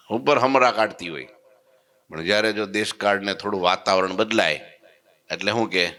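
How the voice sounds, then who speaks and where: A man telling a sacred story as a swami, animated and lively, often slipping into character voices. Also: lowish voice. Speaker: swami preaching a daily scripture discourse. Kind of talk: sermon storytelling.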